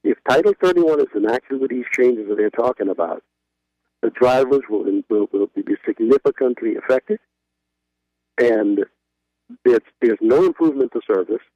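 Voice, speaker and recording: A man's voice: medium pitch, lively intonation, normal speed, dry recording. A man who manages a cab company speaks firmly and critically in a phone interview, stacking his points in lists, heard over a poor-quality phone line. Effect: poor-quality phone line audio. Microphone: cell phone. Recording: dull, dry phone-line audio.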